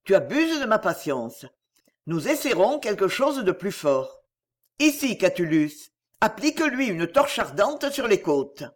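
Raging roman judge as a man reads him, loud and bossy, jumpy high pitch. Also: sing-song, measured pace, exaggerated voice. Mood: mocking. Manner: shouting, exasperated. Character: cruel angry male Roman judge.

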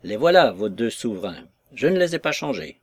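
A man's voice: on the low side, big pitch swings, moderate pace, husky, no echo. A male reader voicing a proud, vengeful female maid who speaks with sarcasm and contempt. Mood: scornful fury.

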